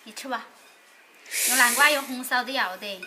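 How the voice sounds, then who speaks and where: Young woman, Sichuan dialect, higher-pitched, casual cooking host, outdoor kitchen with clear background noise. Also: normal speed. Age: young adult. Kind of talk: casual cooking demonstration and chat. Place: open-air village kitchen.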